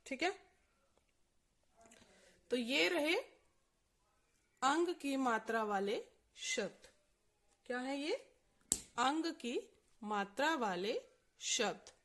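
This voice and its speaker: Slow, drawn-out woman teaching letters. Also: high-pitched, expressive, fairly bright tone. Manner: sounds out letters one by one, asks and answers own questions. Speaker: Hindi teacher. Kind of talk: slow spelling-out lesson for children.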